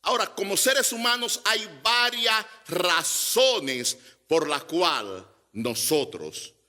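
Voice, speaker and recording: A man's voice: high voice, animated, slow, pushed and bright. A man preaching a sermon as pastor, pressing his points with emphatic rising repetitions.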